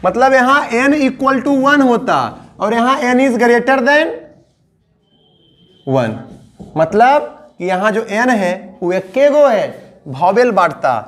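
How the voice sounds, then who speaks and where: Animated Bihari-accented man teaching grammar. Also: very high-pitched. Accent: Bihari Hindi. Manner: coaxing, repetitive teaching with drawn-out word endings. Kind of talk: classroom grammar lesson.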